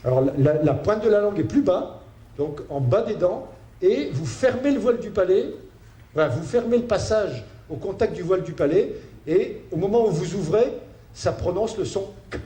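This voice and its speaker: A man giving a spoken lecture, halting, with many fillers and restarts. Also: high voice, expressive, warm tone. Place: lecture hall. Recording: roomy hall sound with faint ambient noise.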